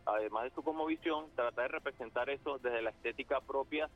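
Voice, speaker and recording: This guest muralist, a man from Zulia in Venezuela, talks a little fast at a medium pitch on a phone interview. His delivery is halting and packed with fillers, and the muffled line carries soft background music.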